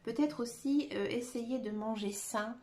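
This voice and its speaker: A woman giving a tarot reading to her viewers, talking gently and hesitantly with many filler sounds. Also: fairly high pitch, a little slow. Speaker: tarot card reader. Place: room at home, dog nearby. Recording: echoey room with faint noise.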